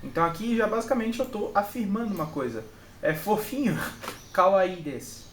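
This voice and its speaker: A man's voice: high voice, lively intonation, moderate pace, fairly bright tone. Brazilian man, Brazilian Portuguese accent, casual study walkthrough, repeats examples, checks in often, echoey room. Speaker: channel host and Japanese learner. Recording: echoey room with faint background noise.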